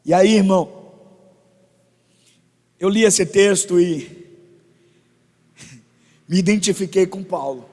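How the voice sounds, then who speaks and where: A pastor preaching a sermon in church on a body-worn microphone, animated and joking with the congregation. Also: male voice, high voice, takes it slowly, long pauses. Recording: long church reverb.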